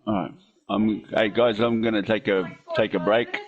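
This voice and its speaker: Low-voiced friendly man on muffled voice chat. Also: steady tone. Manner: friendly, halting, thanks people repeatedly. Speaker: fellow player in voice chat. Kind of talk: casual sign-off chat.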